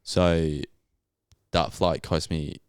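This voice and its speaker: With a bass voice, level tone, and drawn-out words, a young man from Colombia tells his story smoothly as a podcast guest. He's a geologist and native Spanish speaker who uses laid-back, slangy Australian-style phrasing, captured in clean studio sound without echo.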